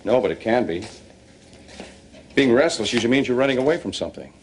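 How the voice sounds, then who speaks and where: A man's voice: mid-range voice, animated, fast, lightly acted, poor audio. An actor playing a middle-aged family man in a soap opera, firm and dryly teasing. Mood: stern, measured. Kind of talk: television soap opera acting. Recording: clear background noise, room ambience.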